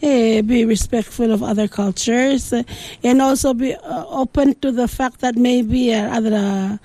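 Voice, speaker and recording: A woman's voice: fairly high pitch, fairly even intonation, normal speed, mellow, no room sound. A woman from Palau with a Palauan accent conducts an informal interview, searching for words and switching between two languages.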